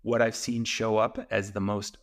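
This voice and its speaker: Low gravelly guy doing a calm solo podcast, explains things slow n steady. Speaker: podcast host and men's coach. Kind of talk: reflective solo talk.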